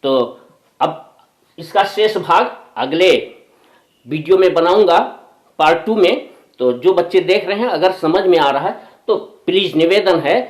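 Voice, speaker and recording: A man teaching a maths lesson step by step, patient, going back over the steps and correcting himself aloud. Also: high voice. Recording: echoey room, voice from a distance.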